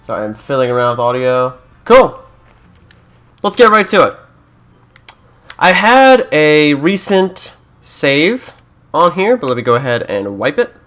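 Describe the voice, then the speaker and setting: A man's voice: a little high, sing-song, unhurried, long pauses, fairly bright tone. A young Canadian man who is a YouTuber, chatting casually through a let's-play, joking and reading game prompts aloud.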